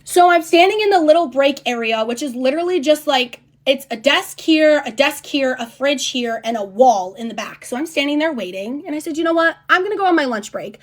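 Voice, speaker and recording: A young woman with a high, light voice tells a storytime about work. She is blunt and sarcastic and swears freely while she vents. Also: expressive, brisk, hardly any pauses. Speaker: retail worker telling a storytime. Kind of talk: casual storytime rant.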